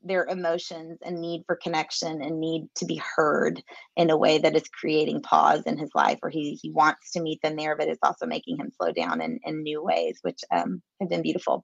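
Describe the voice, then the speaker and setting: A woman guest in an interview, an adoptive mother speaking warmly and reflectively. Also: deep voice, vocal fry, breathy edge, dry recording. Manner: warm, reflective, slow and searching. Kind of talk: conversational interview. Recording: slightly dull lo-fi sound.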